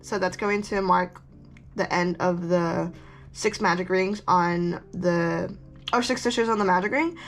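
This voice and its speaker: A woman's voice: fairly low pitch, fairly even intonation, measured pace. A woman casually talking through a craft tutorial step by step, rambling and correcting herself, chewing gum as she talks. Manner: chatty, rambling, self-correcting asides.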